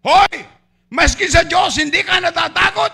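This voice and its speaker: A man's voice: very high-pitched, very animated, brisk, vocal fry, voice pushed up, heavily acted. A man voicing a repentant crucified male thief who calls out to his Lord. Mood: rebuking. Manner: sharp outcry.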